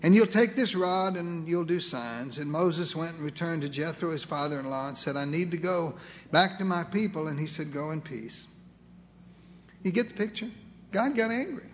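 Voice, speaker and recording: A man's voice: fairly high pitch, moderate pace, long reverb tail, slight background noise. A man preaching a sermon in a church, dramatic and humorous, acting out voices of God and Moses.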